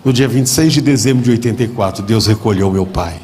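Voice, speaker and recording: A man's voice: fairly low pitch, fast, warm tone, slight background noise. A man preaching a dramatic testimony at a church convention, acting out the voices in his story. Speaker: pastor. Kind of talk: sermon testimony.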